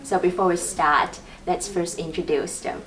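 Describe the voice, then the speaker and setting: An acupuncturist hosts a clinic video, patiently walking through the needles step by step and laughing lightly now and then. Her voice is on the low side, steady, a bit bright, at a moderate pace. The mic is distant, with faint room noise.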